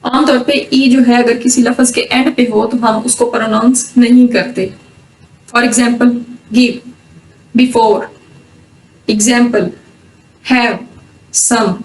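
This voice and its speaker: A woman with a slightly high voice explains pronunciation rules at a very slow, deliberate pace. She reads each rule sentence carefully before explaining it. Her voice carries a roomy echo and sounds as if the mic sits some distance away. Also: fairly even intonation. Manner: reads English rule sentences slowly, then explains them. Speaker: English pronunciation teacher. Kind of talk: explaining lesson.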